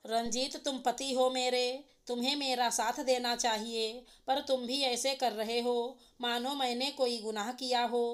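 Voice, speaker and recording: A woman's voice: fairly high pitch, fairly even intonation, unhurried, few pauses, natural voice. A woman voicing a young working wife who protests earnestly against being blamed. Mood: indignant.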